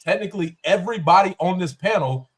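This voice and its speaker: A man hosting a heated live panel discussion, arguing fast and cutting in on others. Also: sits high, animated, a little hiss or hum. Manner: argumentative, fast interjecting. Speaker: podcast host.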